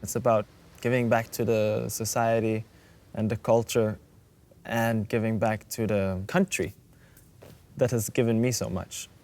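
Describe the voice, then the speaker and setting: A man's voice: fairly low pitch, level tone, measured pace, a little mellow. A man from Greenland who founded a dance school, speaking earnestly in an interview.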